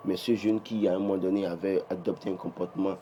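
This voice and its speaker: Giving political commentary on a morning TV press review, a man with a Beninese French accent speaks quickly in a low-pitched, warm voice with fairly even intonation. Slight background noise is present. His manner is emphatic, with frequent restarts and a rising pitch when he insists.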